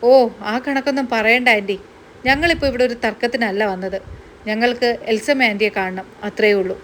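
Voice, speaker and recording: A woman's voice: fairly high pitch, a little fast, fairly bright tone, slight background noise, close to an everyday voice. A woman voicing an earnest young daughter who pleads firmly with her father. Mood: pleading.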